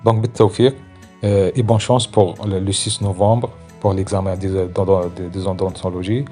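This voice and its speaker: Low-voiced man teaching haltingly. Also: level tone, dark tone, faint music behind. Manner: halting, repeats words while searching for phrasing. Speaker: online exam-prep teacher. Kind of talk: informal instructional talk.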